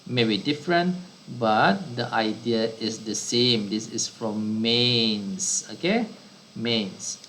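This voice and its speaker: A man's voice: mid-range voice, takes it slowly, a bit bright, slight background noise, low-quality recording. A man teaching a science lesson to children, often repeating and rephrasing his words. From Brunei. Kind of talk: slow online science lesson.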